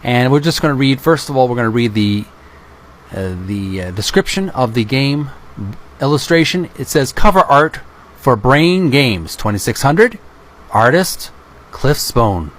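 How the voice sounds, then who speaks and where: A man who hosts a channel reads a book aloud in a medium-pitched, sing-song voice. He adds informal descriptive commentary in halting, piecemeal phrases.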